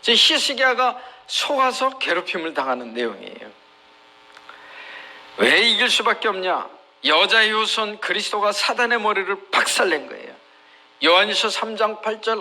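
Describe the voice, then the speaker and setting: High, bright-voiced male pastor preaching. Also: big pitch swings, moderate pace, poor audio. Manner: dramatic retelling with acted quotes, emphatic. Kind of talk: sermon.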